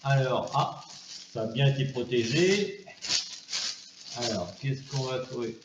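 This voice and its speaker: A man's voice: animated, unhurried, background noise. Hesitant man in a roomy room. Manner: hesitant, many fillers and restarts; high cooing baby talk to the pet. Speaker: vlogger. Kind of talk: improvised comedic monologue.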